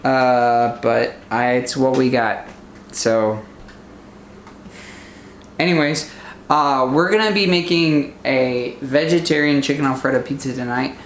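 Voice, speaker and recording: A man's voice: medium pitch, steady tone, takes it slowly, pauses often, slight background noise. Rambling young man in an echoey kitchen. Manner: rambling, filler-heavy, easygoing. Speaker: vlogger. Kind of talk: casual vlog chat. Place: home kitchen, indoors.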